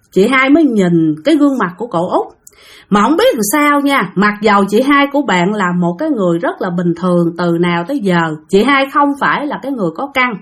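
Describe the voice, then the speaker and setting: A woman narrates a spooky story, chatty and conversational. She talks straight to her listeners as she goes. Her voice sits a little high. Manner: chatty, addresses listeners directly.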